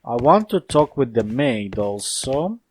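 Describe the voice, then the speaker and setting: A man's voice: mid-range voice, very animated, unhurried, a little mellow, breathy edge. A man doing a casual let's play commentary, joking, rambling and reading game text aloud.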